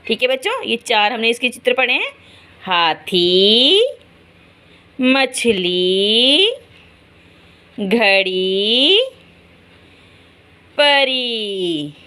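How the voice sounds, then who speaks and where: A woman's voice: on the high side, big pitch swings, drawn-out words, pauses often, sharp tone. A woman teaching young children to read, sounding out each letter and vowel sign and then repeating the whole word. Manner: addresses the children directly and checks understanding. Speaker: primary school Hindi teacher. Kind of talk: slow syllable-by-syllable reading lesson for children.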